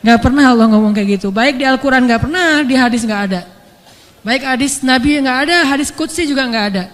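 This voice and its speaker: A woman preaching a casual, conversational sermon, telling stories and acting out dialogue with shifting pitch. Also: fairly quick. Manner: lively storytelling, acts out dialogue with shifting pitch. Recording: echoey hall with music behind.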